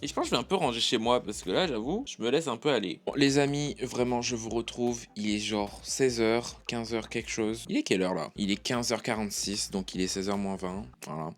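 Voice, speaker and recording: A young man talking to camera in a casual vlog, chatty and excitable, swearing casually into a handheld mic. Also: medium pitch, a little fast, few pauses. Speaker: vlogger. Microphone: handheld microphone.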